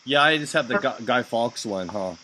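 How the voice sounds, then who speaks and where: A man's voice: medium pitch, animated, normal speed, bright, forceful tone, poor audio. A man hosting a casual live stream chat, making wry, skeptical asides. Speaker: show host.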